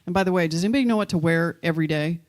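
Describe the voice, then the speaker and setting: A woman's voice: on the low side, rapid-fire. A woman minister speaking casually and playfully to her congregation, inviting people to share. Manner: playful, encouraging, jokes with the congregation. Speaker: minister leading a sharing circle. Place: church hall.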